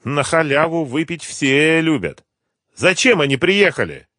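A cruel male gang boss mocks and threatens his captive, as a man voices him. The voice sits high and loud, swinging widely in tone. The audiobook sound is dry and close. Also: very animated, unhurried, no room sound, full character voice. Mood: threatening. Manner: sneering, bullying interrogation.

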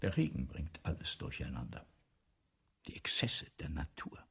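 An actor in a German radio play as Balzac, a vain, excitable, self-dramatizing playwright in debt, declaiming theatrically and abruptly dropping to a murmur. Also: male voice, rumbling low, moderate pace, vocal fry, noisy background, heavily acted. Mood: anxious, brooding.

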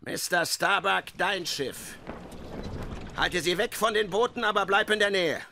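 Captain Ahab, high-pitched, commanding whaling skipper. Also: male voice, unhurried, creaky. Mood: grim, resolute. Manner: commanding, barking orders. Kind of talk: radio drama acting.

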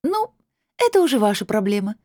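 A petty, mocking young office clerk, as an audiobook reader puts her on, squeals her retorts in a voice pushed far above the reader's own. The tone is mellow underneath, and the recording is dry and close. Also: mid-range voice, big pitch swings, brisk, no echo, pitched above the performer's own voice. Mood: gloating. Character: shrill young blonde female clerk, spiteful.

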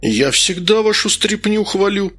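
A man's voice: on the high side, animated, normal speed, vocal fry, fairly bright tone, pitched above the performer's own voice, full character voice. A man voicing a boisterous, crude, hard-drinking man in an audiobook reading. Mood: jovial. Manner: brash, festive.

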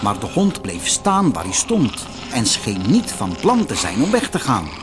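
A man reading a fairy-tale audiobook in an expressive, theatrical storytelling manner. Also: mid-range voice, measured pace, over music. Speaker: narrator.

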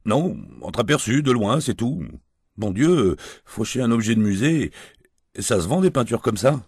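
A man's voice: medium pitch, animated, normal speed, slightly rough, no echo, clean studio sound, voice pushed up. A man reading the part of a tipsy, crude, washed-up gigolo who rambles in coarse slang and whines. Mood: sneering. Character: washed-up male gigolo, crude, drunk, self-pitying.

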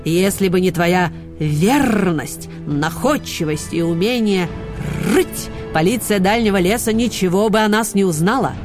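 A woman voicing a stern older male dog commander who speaks slowly and solemnly. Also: medium pitch, over music, natural voice.

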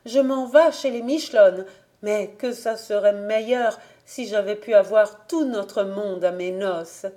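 A woman's voice: mid-range voice, a little slow, warm tone, natural voice. Woman voicing an eager young peasant girl. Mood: earnest.

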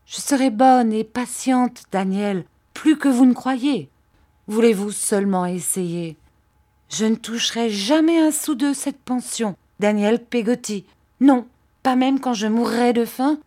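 An emotional, devoted aging widow pleading not to be left behind, put on by a woman reading a storybook. The delivery is unhurried and insistent, with the voice lifting as her plea grows urgent. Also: a little high, mellow. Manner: imploring, emotional.

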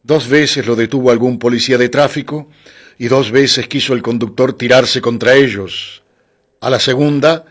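A man giving a calm, scripted reading of a literary short story. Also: mid-range voice. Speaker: audiobook narrator.

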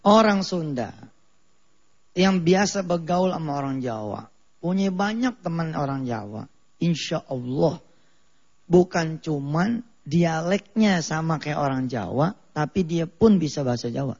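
A man preaching a lively, joking mosque sermon, playfully mimicking regional accents. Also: on the high side, measured pace, breathy edge. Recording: dull muffled TV broadcast audio.

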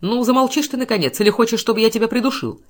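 Casting: a woman doing a furious, domineering man, barking hoarse commands, audiobook. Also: mid-range voice, expressive, a little fast. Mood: rough threats. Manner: shouting orders, rough and hoarse. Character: powerful enraged man, harsh and commanding.

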